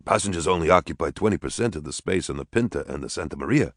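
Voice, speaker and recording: A male narrator voicing a measured, precise husband who talks in formal jargon. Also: sits low, lively intonation, no echo, clean studio sound. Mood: calm. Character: calm, formal husband, a colony historian.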